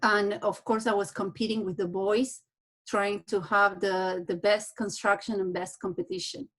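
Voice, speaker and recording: A woman's voice: mid-range voice, little pitch movement, moderate pace, a bit bright. A woman from Uruguay, an architect and project manager, giving a personal, anecdotal panel presentation over a video call. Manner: personal and anecdotal, some restarts.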